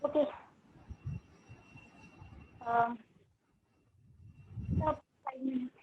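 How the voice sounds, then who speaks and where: A young woman speaking over a video call whose audio keeps breaking up, giving short, halting replies. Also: sits high, steady tone. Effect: glitchy, breaking video-call audio. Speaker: student presenter. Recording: dull, echoey, noisy call line.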